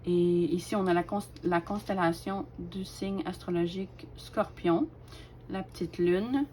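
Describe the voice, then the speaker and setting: A woman's voice: lowish voice, a little slow, a little hiss or hum. Chatty woman. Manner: chatty, hesitant with many fillers, laughs softly. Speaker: craft collection vlogger. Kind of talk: casual show-and-tell.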